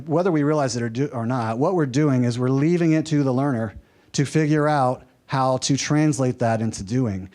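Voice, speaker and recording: This workshop lecture comes from a man from the American South's mountain region, speaking in a medium-pitched, slightly mellow voice in a workshop room. He's conversational, adds light humor, and checks in with the audience.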